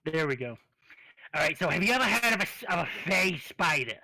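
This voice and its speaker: A man's voice: a little high, very animated, brisk, pushed and bright. A man running a tabletop game in a casual, jokey way, with some swearing. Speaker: game master.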